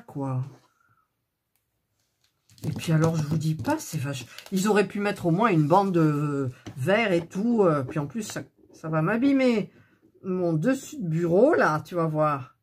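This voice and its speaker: A middle-aged woman hosting a craft video does a casual hands-on demo, grumbling and talking to herself as she works. Her voice is deep and slightly rough, and she is filmed up close on a phone.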